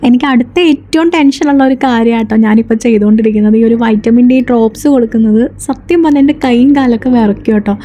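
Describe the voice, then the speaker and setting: A woman vlogger and young mother narrating her day in a chatty voice-over, often tagging a soft "tto" onto her sentences. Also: a little high, fast, few pauses.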